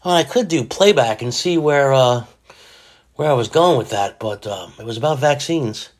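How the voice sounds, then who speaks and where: A man's voice: medium pitch, lively intonation, moderate pace. A man in his forties hosting a solo podcast, rambling and self-mocking as he jokes his way through his thoughts. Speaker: podcast host.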